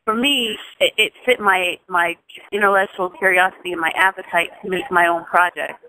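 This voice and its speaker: A woman in her thirties, a singer from Jamaica, talks at a moderate pace in a fairly low voice on a rough recording. In the interview she comes across as casual and thoughtful, with many restarts and soft laughter.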